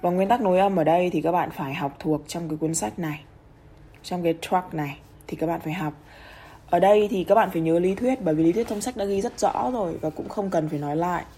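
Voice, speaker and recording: A woman teaching English pronunciation in an audio lesson, explaining briskly and reading example sentences slowly and carefully. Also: on the low side, mellow, slight background noise, poor audio.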